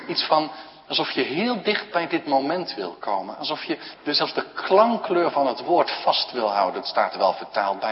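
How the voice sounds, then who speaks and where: Male pastor, mid-pitched, earnest sermon delivery, church reverb, dull lo-fi sound. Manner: slow, earnest, with long pauses between short phrases.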